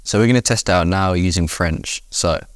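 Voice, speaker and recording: A man hosting a casual software tutorial, explaining each step in a relaxed way. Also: low-pitched, moderate pace, no echo, clean studio sound. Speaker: tutorial host.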